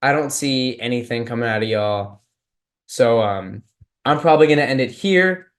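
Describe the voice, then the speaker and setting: A young man, leading a relaxed online lesson. He talks in a loose, chatty way, full of fillers, while answering questions from his students. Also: medium pitch, moderate pace. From Texas. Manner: casual, filler-heavy coaching talk. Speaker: speech and debate coach. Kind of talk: online lecture with Q and A.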